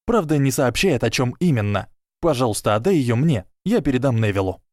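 A man voicing an eager, loyal schoolboy who shouts earnestly. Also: mid-range voice, sing-song, a little fast, no echo, clean studio sound, lightly acted.

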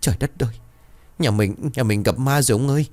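A man's voice: mid-range voice, fast talker, a little mellow, pitched above the performer's own voice, close to an everyday voice. A man doing a sobbing frightened young mother. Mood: panicked. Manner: tearful, panicked.

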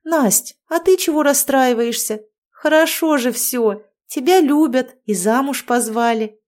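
A woman reading an audiobook, voicing a calm, analytical young woman. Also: sits high, a little slow, pitched above the performer's own voice. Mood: thoughtful. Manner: calm, reasoning.

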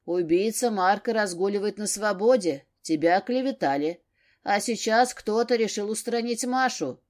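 A woman voicing a gruff stern old father. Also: medium pitch, normal speed, darkish tone, natural voice. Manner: barking, stern.

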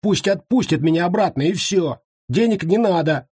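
A man reading an audiobook voices a frightened wild man who squeaks, trembles and babbles nonstop. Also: expressive, moderate pace, darkish tone, husky, no echo, clean studio sound. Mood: frightened, babbling.

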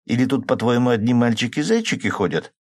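A man's voice: medium pitch, animated, quick pace, darkish tone, no room sound, clean studio sound, pitched above the performer's own voice. A man voicing an upset young woman who sighs and pleads plaintively, in an audiobook. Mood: sharp. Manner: plaintive, sighing. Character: upset young woman, worried about her drinking man.

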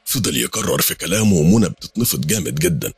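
Egyptian male horror narrator, brisk storytelling, very deep voice, fast pace. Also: lively intonation, darkish tone, slightly rough, no echo. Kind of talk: first-person horror storytelling.

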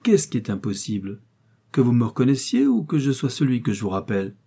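A proud middle-aged gentleman who turns earnest and self-reproaching, as a man reads him. His voice is mellow and husky. He is a figure from a classic storybook. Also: medium pitch, sing-song, a little fast, exaggerated voice. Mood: sly.

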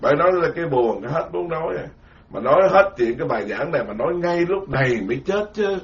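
Lively colloquial monk preaching. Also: male voice, on the high side, quick pace. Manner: colloquial, self-mocking, animated. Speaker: Buddhist monk lecturer. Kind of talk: sermon. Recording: dull lo-fi sound.

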